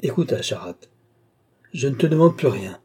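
A man's voice: medium pitch, big pitch swings, normal speed, dark tone, slightly rough. A man voicing a frail, bedridden, tyrannical old male alchemist in an audiobook, imperious and scornful. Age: older. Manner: imperious, scornful, rising to fierce outbursts. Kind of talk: audiobook character reading.

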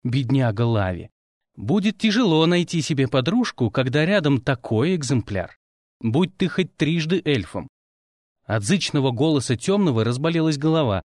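Wry male audiobook narrator, lively. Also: medium pitch, moderate pace, dry recording, studio quality. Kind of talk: first-person audiobook narration.

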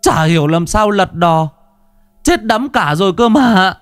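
A man's voice: lively intonation, unhurried, over loud music. A man voicing a skinny young male servant, groveling and stammering in fright. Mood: frightened pleading. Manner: stammering, pleading, high-pitched.

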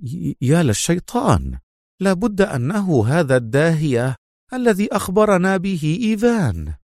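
A man voicing a panicked, scheming male Soviet spy chief who shouts in alarm. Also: fairly high pitch, very animated, moderate pace, dry recording, clean studio sound, pitched above the performer's own voice. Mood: frantic. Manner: frantic, shouting.

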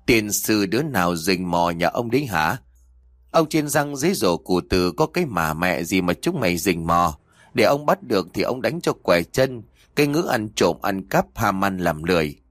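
A man's voice: deep voice, very animated, moderate pace, a bit bright, no echo, clean studio sound. A man voicing a hot-tempered middle-aged gang boss who curses and scolds his underling. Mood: angry. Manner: cursing, scolding, bossy.

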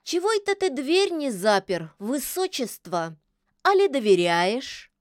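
A woman voicing a stubborn, sharp-tongued fairy-tale witch who snaps back defiantly. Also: high-pitched, very animated, a little slow, dry recording, clean studio sound, pitched above the performer's own voice. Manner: snappy, defiant. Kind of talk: audiobook character voice.

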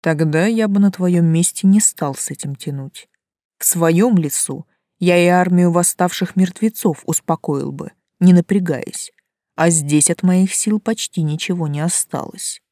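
A woman voicing a sly male forest spirit who teases in a calm, quietly menacing way. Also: on the low side, a little slow, no echo, clean studio sound, natural voice. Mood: teasing.

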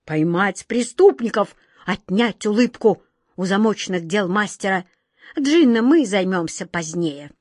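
A woman's voice: mid-range voice, lively intonation, measured pace, darkish tone, no echo, clean studio sound. A woman voicing a pompous, easily flustered old king who gives orders in a storybook reading. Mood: fretful. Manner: imperious, whiny, easily flustered. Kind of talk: storybook character voice.

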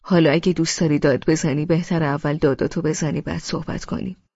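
A woman reading the lines of a sardonic man in an audiobook, in a husky, gravelly voice with a teasing, needling manner. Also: deep voice, steady tone, highs cut off, exaggerated voice. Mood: mocking. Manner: teasing, needling, then shouting. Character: sardonic adult man, mocking then angry.

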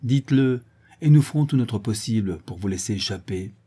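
A stern middle-aged country lawyer, read by a man in an audiobook presses his questions one after another, coldly and without mercy. The voice is warm and mellow, with a husky grain. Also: on the low side, animated, normal speed. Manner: cold, hammering cross-examination.

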